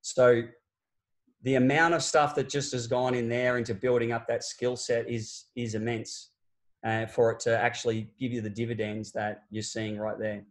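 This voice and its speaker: Speaking at a normal pace in a mid-range, fairly flat voice, an Australian man presents a basketball coaching clinic over a video call, commenting on game video. He's conversational and explanatory, often restarting and using fillers. The sound comes through a laptop webcam in a small home office.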